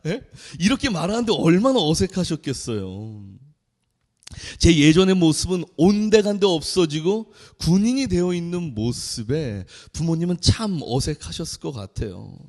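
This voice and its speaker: A young man preaches in a church with a high, expressive voice that leaps up and down as he tells his stories. He acts out the voices of the people in them, and his words ring with a long reverb through the sanctuary. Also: moderate pace. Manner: animated storyteller, acts out quoted voices. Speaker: junior pastor. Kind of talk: sermon.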